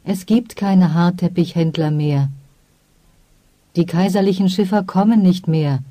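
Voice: mid-range voice, measured pace, dry recording, close to an everyday voice. Ein Vorleser, der in einer Hörbuchlesung eine fürsorgliche, mütterliche Frau mit schlohweißem Haar sanft und bittend spricht. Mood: eindringlich. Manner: soft, pleading. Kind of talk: audiobook character voice.

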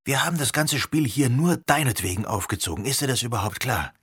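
A man's voice: medium pitch, expressive, a little fast, a bit bright, husky, no room sound, studio quality. A man reading the part of an anxious, easily annoyed man who organizes an event and worries about everything that could go wrong. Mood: angry.

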